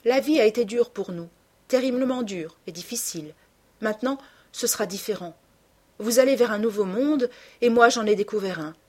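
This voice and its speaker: A woman voicing Sibyl, a joyful, dreamy young actress in love, speaking brightly and with exclamations. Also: fairly high pitch, normal speed, pitched above the performer's own voice, lightly acted.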